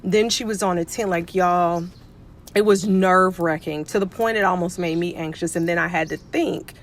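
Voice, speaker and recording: Her fairly low voice holds a steady tone at a moderate pace, with slight background noise in the audio. A middle-aged woman working as a pediatric nurse and life coach, she tells a story to camera in a chatty way and acts out people's words.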